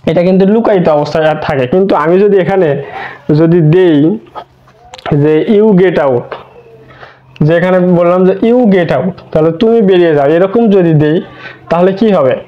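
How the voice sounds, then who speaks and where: A man teaching an online English grammar lesson, explaining step by step with repeated words and rhetorical questions. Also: high-pitched. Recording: dull lo-fi recording.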